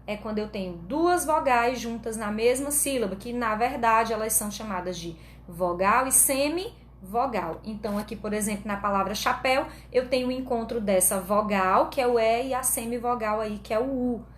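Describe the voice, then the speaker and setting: Brazilian lady teaching grammar online, patient, keeps checking in, kinda high voice, echoey room. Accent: Brazilian Portuguese. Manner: patient, explains step by step with frequent "tá?" checks. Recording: echoey room with faint background noise.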